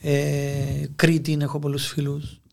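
A man speaks with a Greek Cypriot accent in a fairly high voice. He talks casually in colloquial dialect, as a guest in an informal interview. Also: monotone, creaky, a little mellow. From Cyprus. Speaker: podcast guest.

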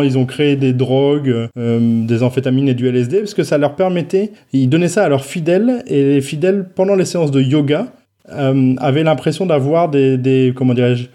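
A man on a podcast with a mellow, darker tone, joking through grim material in a dry, mock-serious way. He hesitates often, filling gaps as he goes. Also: on the high side. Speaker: podcast co-host.

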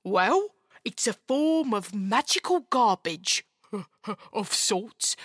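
A woman voicing a gentle, slightly gruff male ogre who explains things patiently. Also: medium pitch, big pitch swings, very slow, no room sound, studio quality, full character voice.

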